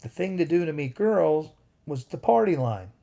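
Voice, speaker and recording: A man's voice: fairly high pitch, sing-song, moderate pace, gravelly, mellow. A man in his fifties hosting a home livestream, telling a rambling personal story and breaking off to greet chat viewers by name. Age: 50s. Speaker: livestream host.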